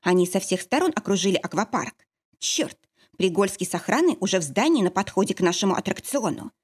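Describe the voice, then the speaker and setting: A woman's voice: medium pitch, big pitch swings, brisk, slightly rough. Woman as a fierce commanding heroine. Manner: snapping, growling orders. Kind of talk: audiobook character voice.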